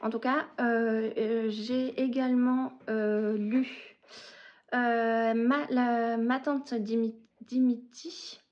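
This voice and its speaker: A woman with a fairly high voice chats slowly and unhurriedly about her knitting and reading, pausing often to find her words. It sounds like a casual home podcast, and the recording is a little dull and lo-fi. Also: steady tone, darkish tone. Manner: hesitant, often searching for words.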